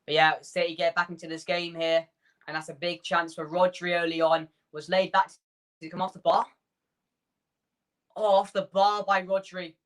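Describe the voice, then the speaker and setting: A man hosting a fan watchalong, calling the match player by player in quick bursts and chatting with his viewers between the action. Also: sits high, little pitch movement, a bit bright. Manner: rapid player-by-player calls, chatty asides to viewers. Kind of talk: live play-by-play fan commentary.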